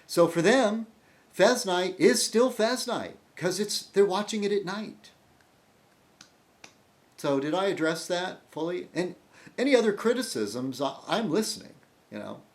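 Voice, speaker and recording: Speaking at a measured pace in a high-pitched, animated voice, a video blogger delivers a loose, rambling monologue. He cuts himself off partway through sentences as he addresses comments from viewers.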